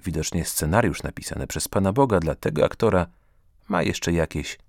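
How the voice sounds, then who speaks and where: A man narrating a story in an expressive scripted reading. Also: sits low, normal speed, gravelly, dry recording, studio quality. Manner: expressive, first-person guardian-angel narrator. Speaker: audiobook narrator.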